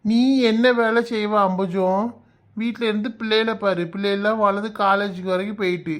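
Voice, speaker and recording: A woman voicing a patient, middle-aged village husband and father who tries to calm his wife in an animated comedy. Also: mid-range voice, fairly quick, natural voice. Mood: placating. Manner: soothing, pleading.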